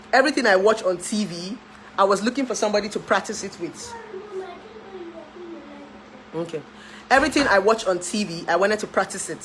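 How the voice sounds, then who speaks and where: A woman's voice: medium pitch, slight background noise, poor audio. Chatty Nigerian woman in her thirties. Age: 30s. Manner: chatty, laughs often, dips into pidgin. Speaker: relationship therapist. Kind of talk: casual chat to camera.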